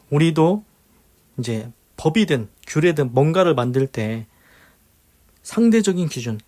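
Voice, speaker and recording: A man's voice: a little high, a little mellow. A man giving a devotional Bible commentary, earnest and emphatic, moving between teaching and spoken prayer and repeating his key phrases. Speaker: preacher leading a daily devotional.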